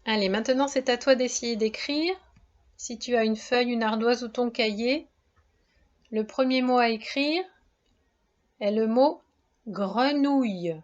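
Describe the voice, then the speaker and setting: A woman's voice: a little high, measured pace, long pauses. A woman teacher giving a spelling dictation lesson to young children, breaking words into syllables, careful and encouraging. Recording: dull lo-fi sound.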